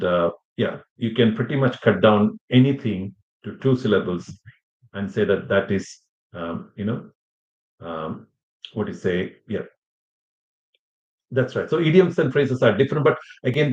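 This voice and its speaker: Guy teaching a test prep class, lowish voice, chatty and rambling, echoey room, kinda muffled sound. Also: darkish tone. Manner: conversational, rambling, many "you know" asides. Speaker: IELTS teacher. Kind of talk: informal lecture to students. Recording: roomy, slightly dull audio.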